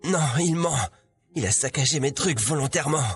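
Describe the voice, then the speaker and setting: An actor dubbing a wronged young male athlete in a drama, indignant and pleading, with a husky voice. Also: fairly high pitch, normal speed. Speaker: young rugby player Liam. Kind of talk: French-dubbed drama.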